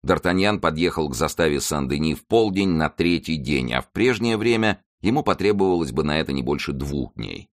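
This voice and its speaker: A man narrating a classic adventure novel as an audiobook, measured and expressive. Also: extremely low pitch.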